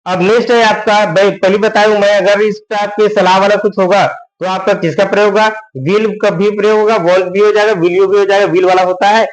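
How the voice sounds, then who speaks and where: A man with a high-pitched voice teaches English grammar. He explains step by step, asking questions and answering them himself, and often checks in with "है ना". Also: flat delivery, a little fast, hardly any pauses, poor audio. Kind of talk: Hindi-medium grammar lesson.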